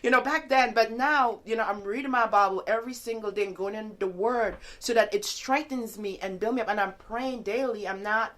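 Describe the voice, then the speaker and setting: A woman speaks as a guest in a relaxed interview, telling her story of faith with earnest warmth. She talks in a loose, chatty way, leaning on fillers, and grows animated as she tells her stories. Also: mid-range voice, fairly quick, hardly any pauses. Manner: earnest, many fillers like "like" and "you know". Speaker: guest author. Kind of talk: conversational interview testimony.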